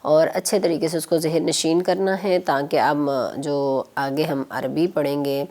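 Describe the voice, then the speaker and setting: A woman hosting a children's TV program teaches recitation in a low, warm voice with a flat delivery. She's patient, repeating her instructions for the young viewers.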